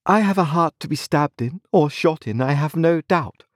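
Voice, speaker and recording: A cold and haughty young woman, as a male reader puts her on, speaking high above his own voice with a careless, disdainful composure. Her lines carry an aloof pride, coolly delivered in a dry, close reading. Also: expressive, normal speed, no echo, lightly acted. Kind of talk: storybook reading.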